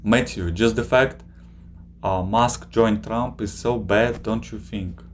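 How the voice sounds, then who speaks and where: Slow, low-voiced man streaming. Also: slight background noise. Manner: slow, halting, many filler pauses. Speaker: streamer reacting to a video. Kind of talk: casual live-stream chat.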